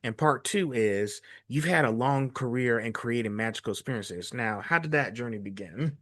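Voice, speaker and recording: A man's voice: medium pitch, normal speed, a bit bright, dry recording, clean studio sound. A man hosting a casual interview, informal and emphatic, often repeating his phrases for emphasis. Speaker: interview host.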